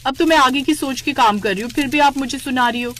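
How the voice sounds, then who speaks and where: A woman's voice: high-pitched, fast talker, a bit bright, a little hiss or hum, pitched above the performer's own voice. A woman voicing a naive, dramatic young daughter-in-law in a cartoon story. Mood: pleading. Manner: pleading, melodramatic.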